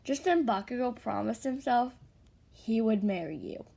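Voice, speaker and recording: A woman's voice: fairly high pitch, expressive, normal speed, gravelly, mellow, slightly rough. A young woman reading her own fan fiction aloud in a tired, plain way, with small slips. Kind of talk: reading a self-written fan story.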